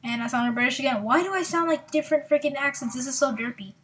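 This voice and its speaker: A woman runs her own gaming channel, giving let's-play commentary into a desktop mic that's excitable, rambling, and self-mocking. Her voice is high and she speaks fast.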